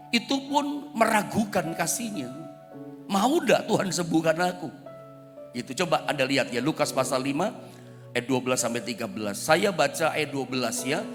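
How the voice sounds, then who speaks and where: A man preaching a sermon to a congregation, swinging between loud emphatic phrases and low quiet ones, and acting out a plea with rising urgency. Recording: long hall reverb with faint music.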